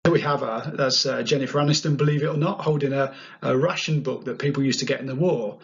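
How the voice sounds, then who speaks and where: A man's voice: mid-range voice, steady tone, quick pace, vocal fry. A man presenting a study tutorial in a playful, upbeat way. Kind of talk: narrated revision tutorial. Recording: dull lo-fi sound.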